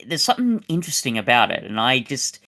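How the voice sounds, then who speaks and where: A man co-hosting a casual review podcast, rambling through his points with restarts and sudden jumps up in pitch. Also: very animated, quick pace, sharp tone. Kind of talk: casual chat.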